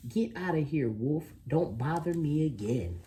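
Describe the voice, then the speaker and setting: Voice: mid-range voice, animated, a little slow, mellow, a little hiss or hum, voice pushed up, natural voice. A reader voicing a rude, curt little pig who snaps dismissively in a children's storybook. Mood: irritated. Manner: dismissive, snappish. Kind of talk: children's picture book read aloud.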